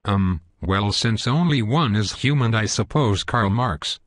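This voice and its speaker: A man's voice: on the low side, lively intonation, unhurried, no echo. A synthetic male voice playing a hesitant, reasonable guest in a scripted satirical cartoon interview, speaking earnestly and stiffly.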